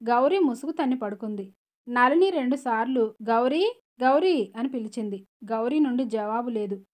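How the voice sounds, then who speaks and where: A woman narrating a novel as an audiobook reader, in a steady storytelling manner. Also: on the high side, normal speed. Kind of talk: novel reading.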